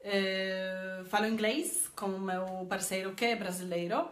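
Filmed on a phone in a small indoor room, a language teacher from Poland in her thirties talks slowly at a medium pitch with fairly even intonation, and the sound is reverberant. Her casual vlog carries a Polish accent, lots of hesitant "eh" fillers, and words said twice.

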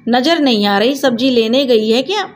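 A woman's voice: fairly high pitch, animated, normal speed, natural voice. A woman voicing a brusque young village man who scolds but cares. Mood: gruff.

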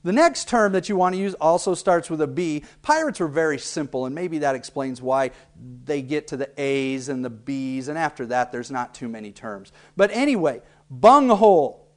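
A man's voice: a little high, lively intonation, moderate pace. A man hosting a local cable TV segment, explaining things in a playful, joking way. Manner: jokey, playfully exaggerated delivery. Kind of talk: humorous explainer monologue.

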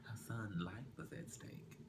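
Gravelly man with wildly swinging pitch. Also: big pitch swings, reverberant, background noise. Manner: quick wry interjections. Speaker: vlog co-host. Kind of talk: casual gossip chat.

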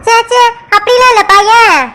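A woman's voice: extremely high pitch, bright, forceful tone, voice pushed up. A woman voicing a young unmarried village daughter in a cartoon serial, who answers her father defensively and stands up for the man she loves. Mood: dismissive. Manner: pleading, defensive, quick replies.

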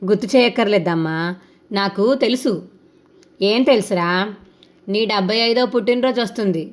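A woman's voice: mid-range voice, normal speed, lightly acted. A woman voicing a teasing, sarcastic young man. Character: mocking playful young man, joker son.

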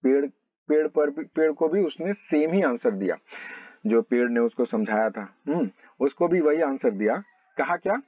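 Male teacher reading a story aloud to a class, husky, animated delivery, muffled lo-fi sound. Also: fairly high pitch, no echo. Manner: reads English lines slowly, then explains in lively Hindi. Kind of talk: reading a story and explaining it in Hindi. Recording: muffled lo-fi recording.

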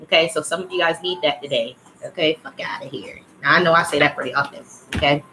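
A woman's voice: sits low, fast, bright, forceful tone, slight background noise, rough recording. A woman giving a casual, blunt livestream oracle card reading who swears freely and calls her listeners child and y'all. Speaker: spiritual card reader.

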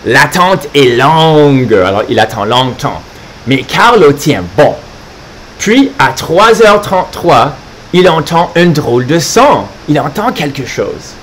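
A man's voice: on the high side, slight background noise. Man reading a kids' story expressively. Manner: expressive, pauses to explain words in English. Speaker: French teacher for children. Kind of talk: live children's story read-aloud.

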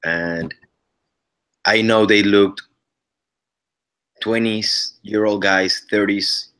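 His voice is on the low side, clear and resonant with a sharp tone, fairly even intonation and drawn-out words. He's a Mexican actor in his thirties speaking English as a second language with a Mexican Spanish accent. As a guest in a casual interview, he talks earnestly over a webcam video call from his living room, often restarting sentences.

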